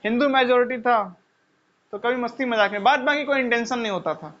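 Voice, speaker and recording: Guy lecturing, high bright voice, lots of rhetorical questions, kinda dull lo-fi sound. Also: brisk. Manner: conversational, rhetorical questions, repeats phrases. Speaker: teacher. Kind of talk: lecture with personal stories.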